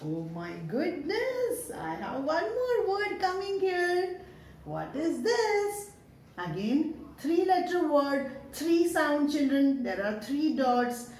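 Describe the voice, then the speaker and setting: A woman with an Indian English accent leads a phonics class for small children in a high, swooping, sing-song voice. She speaks slowly, sounding out each letter and cheering the class along. The recording is very echoey, with faint noise behind her. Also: very animated, a little mellow. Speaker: kindergarten teacher. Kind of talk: online phonics lesson for young children.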